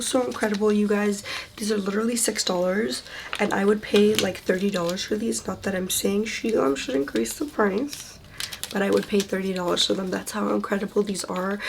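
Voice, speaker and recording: A woman's voice: medium pitch, vocal fry, a little hiss or hum. A woman beauty vlogger chatting casually through a product review, gushing and enthusiastic, a little under the weather.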